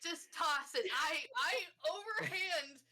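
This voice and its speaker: A woman's voice: high voice, lively intonation, takes it slowly, pushed and bright. A woman playing her character in a tabletop game, giggly and sheepish. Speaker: player.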